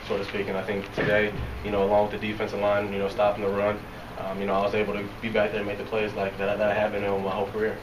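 A young man in his twenties answering reporters after a game, talking quickly and softly with many fillers and restarts. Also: lowish voice, monotone. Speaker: football player at a press conference. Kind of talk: post-game press interview. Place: locker room press area, indoors. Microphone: reporters' recorders held close. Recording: roomy, from a distance, noisy.

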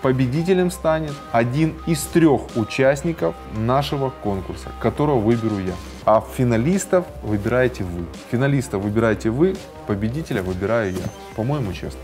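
A man in his forties hosting his channel, announcing a contest and making wry asides while watching clips in a warm-lit room. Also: medium pitch, animated, brisk, hardly any pauses, faint music behind. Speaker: channel host reviewing contest videos. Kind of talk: casual commentary.

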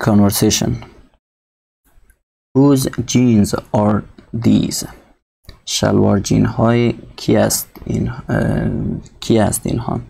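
Low gravelly man teaching slowly. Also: mellow. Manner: explains each word slowly, reads English lines very slowly then translates. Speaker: English teacher. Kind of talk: recorded textbook lesson.

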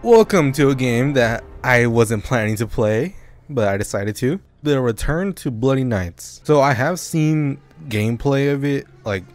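A man's voice: mid-range voice, animated, unhurried, faint music behind. A young man hosting a gaming channel, joking around and talking back to the game and its characters as he plays. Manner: jokey, talks to the game and its characters. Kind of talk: casual gameplay commentary.

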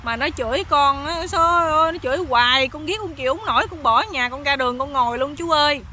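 A woman's voice: sits high, quick pace, sharp tone, a little hiss or hum. A woman voicing a meek, naive young husband who pleads mournfully, with a Southern Vietnamese accent. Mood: pleading.

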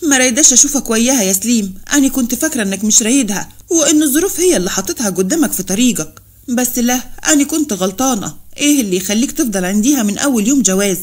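A woman's voice: a little high, lively intonation, racing, darkish tone. A woman voicing a proud young wife who speaks bitterly in an Upper Egyptian accent. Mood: weary hurt. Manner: bitter, wounded pride.

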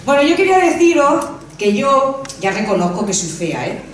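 A woman's voice: high-pitched, very animated, moderate pace. A woman performing a self-mocking stand-up comedy monologue on a live stage, with punchy joke delivery. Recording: very echoey room, voice from far off.

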